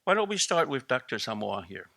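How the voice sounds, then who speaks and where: A middle-aged man moderating a panel in a formal, measured way. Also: medium pitch, very animated, gravelly, bright, forceful tone, no echo, studio quality.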